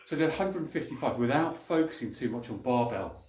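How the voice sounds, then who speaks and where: A man's voice: mid-range voice, expressive, quick pace, a little mellow. A man talking casually and colloquially to viewers between sets of lifting weights, as a fitness vlogger. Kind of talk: casual training vlog talk between sets. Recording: echoey room.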